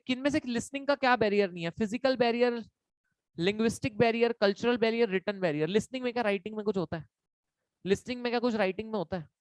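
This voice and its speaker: A man's voice: high-pitched, dry recording. A man teaching an online exam-prep class as a quiz, playful and teasing, repeating each point and mixing in English. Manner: mixes Hindi and English. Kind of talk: live online lecture quiz.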